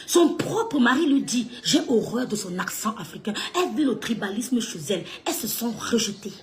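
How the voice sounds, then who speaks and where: A social media live streamer rants heatedly at someone, scolding them, repeating herself, and laughing mid-sentence. Her voice is fairly high and very animated, at a normal speed.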